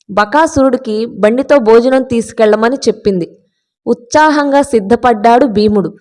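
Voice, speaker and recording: A woman narrating a mythological story in a steady, engaging way, inviting listeners along. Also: on the high side.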